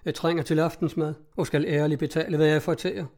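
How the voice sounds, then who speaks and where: A man voicing a polite, formal young gentleman traveler. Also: fairly high pitch, steady tone, close to an everyday voice. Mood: courteous.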